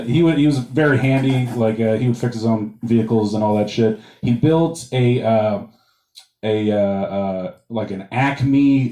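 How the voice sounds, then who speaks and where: A Montana stand-up comedian with a medium-pitched, dark-toned voice does a crude, self-mocking set full of rambling and fillers. Recorded from a distance on a comedy club stage, the sound is roomy, with audience laughter.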